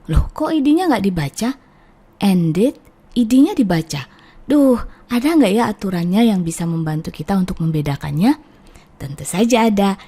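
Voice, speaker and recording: A woman with an Indonesian accent teaching English pronunciation as the host of her channel, patiently modelling words slowly. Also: medium pitch, warm tone, husky. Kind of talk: pronunciation lesson.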